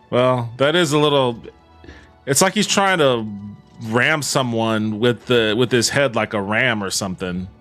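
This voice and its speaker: A man with a medium-pitched, fairly bright voice streams a game, chatting casually and swearing freely like a livestream host as he plays. He speaks slowly with long pauses, and faint music plays behind him.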